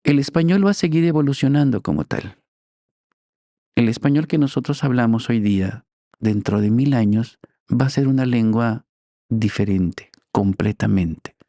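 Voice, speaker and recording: A man being interviewed as a teacher, explaining in a slow, deliberate, teacherly way and spelling out syllables. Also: mid-range voice, dark tone, no echo, studio quality. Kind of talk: interview, explaining language history.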